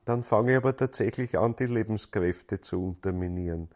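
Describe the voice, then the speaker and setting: A man's voice: on the low side, normal speed, darkish tone. A man gives a spiritual lecture in a thoughtful, searching way, often repeating words as he goes.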